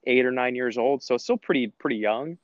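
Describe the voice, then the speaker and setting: A man's voice: mid-range voice, brisk, dry recording, lo-fi sound. A man, a former college soccer player, telling his story in a casual interview with lots of restarts and fillers. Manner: rambling, many restarts and filler words.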